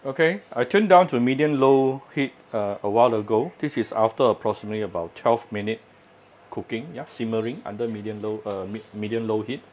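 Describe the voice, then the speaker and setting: A man's voice: fairly low pitch, brisk. A man hosting a casual home cooking demonstration, chatting and explaining as he works, with frequent "uh" fillers. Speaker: home cooking channel host. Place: home kitchen at the stove.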